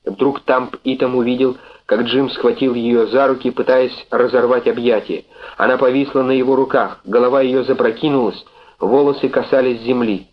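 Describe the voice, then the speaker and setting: A man reading a classic novel aloud as an audiobook narrator, in measured, even storytelling. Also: medium pitch, lo-fi sound. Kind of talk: scripted literary narration.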